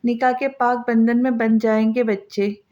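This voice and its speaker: A woman's voice: a little high, steady tone, normal speed, mellow, close to an everyday voice. Lady voicing a fussy old granny in a storybook reading, pleading tone, bit dull lo-fi sound. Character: gruff old grandmother, fussing and doting. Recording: slightly dull lo-fi audio.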